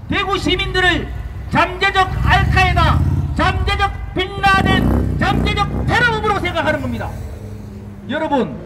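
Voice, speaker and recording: A man with a Daegu Gyeongsang accent giving a fiery political rally speech outdoors, shouting slogans and firing rhetorical questions at the crowd. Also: very high voice. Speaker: rally speaker. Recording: echoey outdoor street, long reverb, faint noise.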